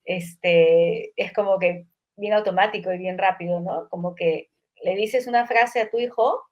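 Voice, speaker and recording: A middle-aged woman co-hosting a podcast, a psychologist talking in a relaxed, reflective way, often pausing with fillers and asking "right?". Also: lowish voice, highs cut off. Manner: reflective, many fillers and tag questions. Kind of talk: casual conversation.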